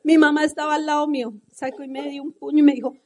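High-voiced passionate Colombian woman. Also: fast talker. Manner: passionate storytelling, animated. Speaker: motivational speaker. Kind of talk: motivational talk to a live audience.

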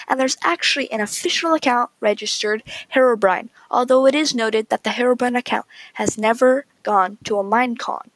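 A woman's voice: on the high side, a bit bright, no room sound, low-quality recording. A woman hosting a casual solo podcast, talking in an opinionated, chatty way with frequent restarts. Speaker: podcast host.

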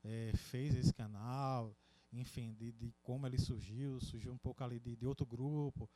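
A man's voice: medium pitch, fairly even intonation, moderate pace, dark tone. A man co-hosting a podcast in casual chat, rambling with many restarts. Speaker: podcast co-host.

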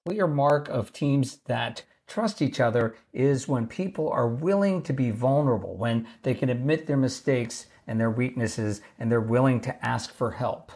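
A man with a mid-range voice hosts his own podcast, explaining ideas in a calm and measured way. He is recording away from home on a basic video-call mic, so the sound comes across as a low-quality stream rather than a clean studio recording. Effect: lower-quality laptop mic instead of his usual studio mic. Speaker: podcast host. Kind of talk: solo podcast talk on leadership. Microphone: basic mic normally used for video calls.

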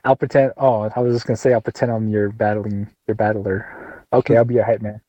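A man's voice: lowish voice, level tone, fairly quick, dry recording, dull audio. A man co-hosting a casual podcast, teasing his partner and joking around. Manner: teasing, jokey, hypes his partner up loudly. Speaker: podcast co-host. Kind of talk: casual chat.

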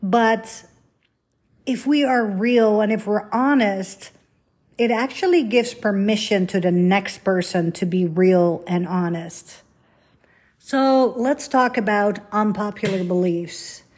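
A woman's voice: medium pitch, slow, a little mellow, husky. A middle-aged woman from the Netherlands, hosting a podcast in a candid, rambling, self-deprecating solo monologue. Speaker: podcast host.

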